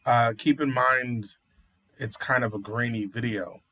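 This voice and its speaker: A man's voice: mid-range voice, fairly even intonation, measured pace, pushed and bright. A man co-hosting a casual talk show about recent news, speaking hesitantly as he thinks aloud.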